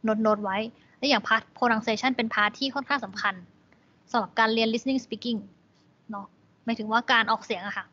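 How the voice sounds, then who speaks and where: A woman's voice: on the high side, fairly even intonation, moderate pace, pushed and bright. A woman teaching English vocabulary, patiently explaining each word's meaning with polite endings. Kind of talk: slow classroom explanation. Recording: dull lo-fi recording.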